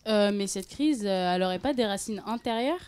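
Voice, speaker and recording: A woman's voice: mid-range voice, animated, brisk, a little mellow, smooth, no room sound. A young woman hosting a student radio show, casual and hesitant, with many fillers. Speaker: host.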